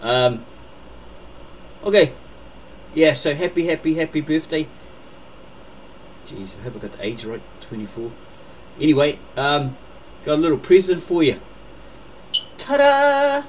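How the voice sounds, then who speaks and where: A man's voice: a little high, expressive, normal speed, pauses often, slight background noise, rough recording. A man rambling casually in a birthday video, full of fillers, recorded indoors at home. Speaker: uncle making a birthday video.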